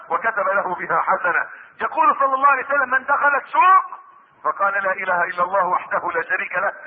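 Emphatic Egyptian preacher, tinny hall recording. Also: male voice. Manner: emphatic, repeats key phrases and swings between loud stresses and low asides. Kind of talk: sermon. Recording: tinny lo-fi lecture recording in a big reverberant hall.

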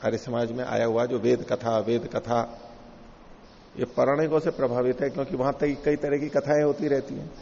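Male teacher, gravelly voice, lecturing in a reverberant hall, dull lo-fi sound, faint noise. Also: mid-range voice, flat delivery, normal speed, dark tone. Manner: explanatory, laughs along with class. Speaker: teacher of scripture. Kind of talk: classroom lecture on scripture. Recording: echoey lo-fi hall recording.

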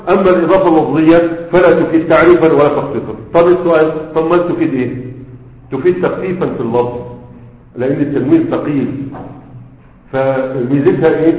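A man teaching grammar to a class, posing rhetorical questions to his students as he explains. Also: fairly high pitch. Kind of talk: classroom lecture. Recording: echoey hall, phone-like lo-fi sound.

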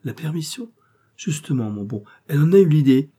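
A man doing a wry, teasing gentleman. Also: on the high side, expressive, a little fast, slightly rough, pitched above the performer's own voice. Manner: teasing, ironic. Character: witty ironic male gentleman friend.

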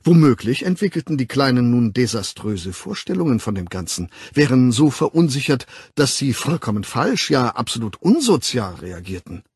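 A man reading a novel aloud as an audiobook narrator in a measured, expressive way. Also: medium pitch, slightly rough, no room sound, studio quality.

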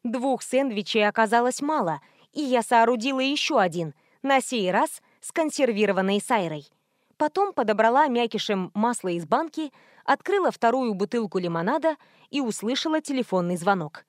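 A woman narrates a first-person comic mystery audiobook in a measured, lightly ironic way. Her voice sits somewhat high. The recording is close and completely dry. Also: expressive, no room sound.

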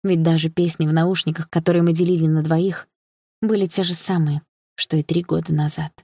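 A woman narrating an audiobook in the first person, calm and steady. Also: low-pitched, fairly quick, husky, no echo.

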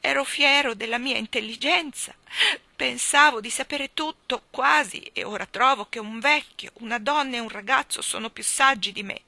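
A woman voicing a proud, haughty old king who speaks loudly. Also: on the low side, a little slow, gravelly, hardly any pauses, husky, dry recording, exaggerated voice. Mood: shamed. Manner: loud and haughty, breaking into tears later.

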